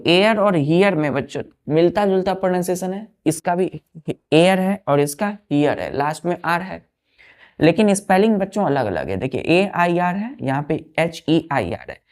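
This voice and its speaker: A woman teaching a vocabulary lesson, repeating words slowly and checking that the children follow, with an Indian English accent on the English words. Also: fairly low pitch, expressive, darkish tone. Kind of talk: vocabulary lesson, explaining word by word.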